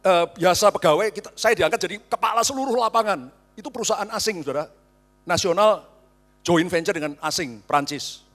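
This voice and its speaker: A middle-aged man from Indonesia preaching a sermon as a pastor, swinging between loud emphasis and hushed asides. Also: sits high.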